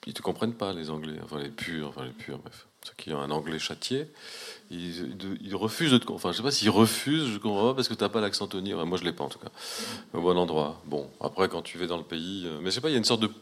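A man's voice: deep voice, quick pace, fairly bright tone. A man in casual conversation, speaking reflectively with many hesitations and restarts.

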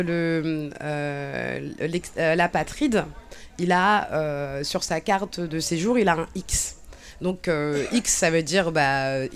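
A Cabinda-born woman in her thirties, interviewed about her own experiences, speaks in a low, clear, resonant voice. She is reflective and hesitant, with frequent fillers and restarts.

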